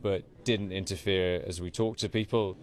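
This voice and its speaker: Low-voiced male foreign correspondent. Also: fairly even intonation, moderate pace. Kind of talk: news report.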